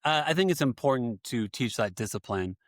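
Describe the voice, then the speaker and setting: A man's voice: mid-range voice, animated, fairly quick, no echo, clean studio sound. A man from the American Midwest hosting a casual podcast, talking earnestly and chatting as a father. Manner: earnest, chatty, agreeing often.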